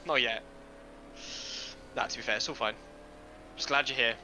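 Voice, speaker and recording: A sim racing driver streams a race, chatting casually on a headset while he drives. His mid-range voice holds a steady tone at a moderate pace over background noise, and he's self-deprecating and swears now and then.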